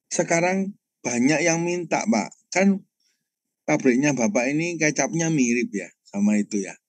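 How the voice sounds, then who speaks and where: A man's voice: on the high side, measured pace, no echo, pitched above the performer's own voice. A male pastor voicing an eager male supplier's driver calling him on the phone, in a raised voice. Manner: excited, eager phone talk.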